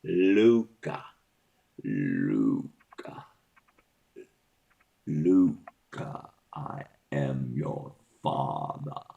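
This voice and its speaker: A man talking into a spinning fan in a joking, deep, mock-dramatic way. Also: very animated, drawn-out words, vocal fry, long pauses, dark tone, lo-fi sound. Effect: voice spoken into a spinning fan. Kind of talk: joking solo commentary.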